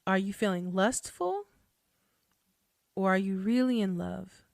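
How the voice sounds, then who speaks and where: Speaking a little slowly with vocal fry, she has a mid-range, darkish voice; she's a hoodoo practitioner hosting her own solo podcast. Her talk is loose and chatty, peppered with laughter, fillers, and restarts, captured in studio quality with no room sound.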